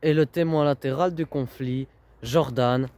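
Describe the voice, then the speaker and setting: A man giving scripted voice-over narration for a reality documentary, with dramatic, punchy phrasing and pauses. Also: medium pitch, darkish tone.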